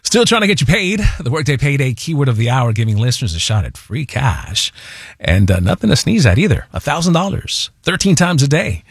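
Smooth-talking male radio DJ, husky. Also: mid-range voice, brisk, dry recording, clean studio sound. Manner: relaxed, easygoing on-air chatter with small fillers. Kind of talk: smooth radio host patter. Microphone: studio mic.

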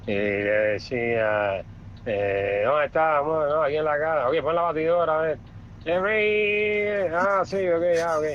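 A man's voice: a little high, fairly even intonation, measured pace, fairly bright tone, a little hiss or hum. Man telling a joke, lo-fi sound. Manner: storytelling, acts out voices. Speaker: radio co-host.

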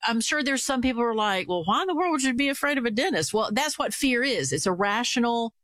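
A woman's voice: on the high side, expressive, quick pace, fairly bright tone, dry recording, clean studio sound. A woman hosting a radio talk show, chatty and upbeat as she questions her guest. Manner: chatty, upbeat, repeats phone number.

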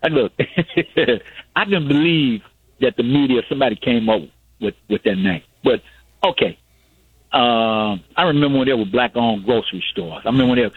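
Over a tinny phone line, a 60-something caller argues his case on a radio call-in debate, insisting and repeating himself to drive points home. His medium-pitched voice is husky, with lively intonation and a normal speed, and the recording is dry.

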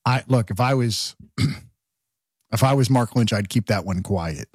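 Husky-voiced talk radio host. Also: male voice, mid-range voice, animated, slow, a little mellow, no echo, studio quality. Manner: conversational and sarcastic, asks listeners questions. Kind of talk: political talk radio commentary.

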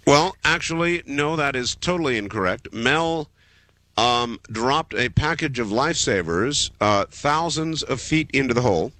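Smooth-voiced male radio host, bright and lively. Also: medium pitch. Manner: smooth radio host delivery, calm and measured, leaning into repeated phrases. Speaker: radio call-in show host. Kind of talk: late-night call-in radio talk. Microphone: studio broadcast microphone.

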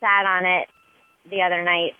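A woman's voice: on the low side, flat delivery, normal speed, clean tone, dry recording. A young woman heard over a telephone line, evasive and pleading as she stalls for time. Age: young adult. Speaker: daughter on a prank collect call. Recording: tinny phone line.

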